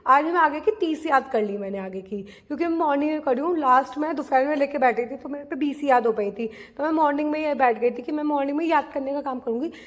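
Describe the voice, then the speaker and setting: A woman's voice: sits high, fast talker, hardly any pauses. A young woman from India talking earnestly and casually to her viewers in a study vlog, with many fillers and restarts. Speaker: vlogger studying for a teaching exam.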